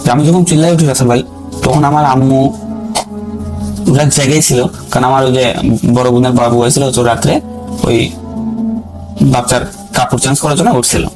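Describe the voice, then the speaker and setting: A man's voice: medium pitch, steady tone, fairly quick, long pauses, poor audio. A man, a caller telling his own story in casual, rambling speech that repeats phrases and keeps turning to the host. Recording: music playing under the voice.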